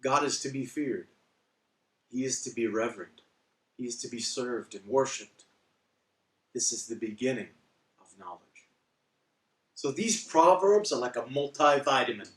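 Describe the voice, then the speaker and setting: A man's voice: mid-range voice, animated, a little slow, pauses often. A man preaching a devotional Bible teaching, telling humorous stories with wry asides. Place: church. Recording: echoey room, speaker far from mic.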